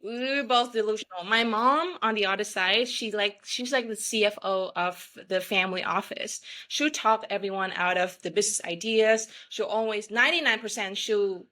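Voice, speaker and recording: A woman from Vietnam chatting as a podcast guest in an easy, casual way. She talks in loose, rambling runs, often stops on "um" and "you know", and switches to short acted voices when she quotes others. Her voice sits at a middle pitch. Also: moderate pace, hardly any pauses, pushed and bright. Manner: chatty, many fillers, acts out quoted people. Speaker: podcast guest, startup founder.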